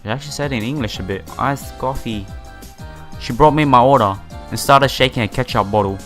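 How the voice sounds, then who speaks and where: Speaking a little fast in a mid-range, slightly bright voice, a gamer reads a visual novel's text aloud during a playthrough, occasionally stumbling and dropping casual slang asides over background music.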